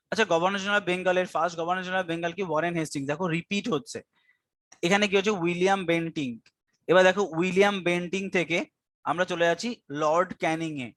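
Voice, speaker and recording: A man teaching an online exam-prep class in a high, bright-toned voice, recorded dry with no room sound. He mixes English terms into his speech and drills a memory chant again and again. He quizzes his students by name. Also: dry recording.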